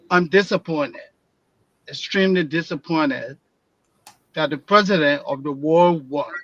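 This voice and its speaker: A high-voiced man from Liberia with a Liberian accent argues his point on a radio panel, building to loud, emphatic delivery. His voice comes through dry and muffled, as if over a dull phone-in line. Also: no room sound. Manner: impassioned, grows loud and emphatic. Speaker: panel guest.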